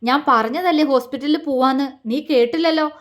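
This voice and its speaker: A tender young husband who worries over his wife and speaks in a soft, reassuring way, read by a woman narrator. The voice sits high and light for a man. It is an audio story told in an everyday voice. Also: a little fast, close to an everyday voice. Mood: tender worried. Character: caring young husband, gentle and protective.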